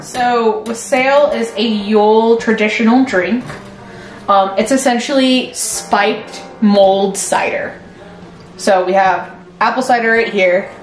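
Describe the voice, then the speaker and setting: A woman's voice: fairly high pitch, takes it slowly. A woman co-hosting a casual holiday chat, reading fanfiction aloud with frequent giggles and explaining a drink recipe. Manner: giggly, breaks into laughter while reading. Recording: echoey room with loud music behind.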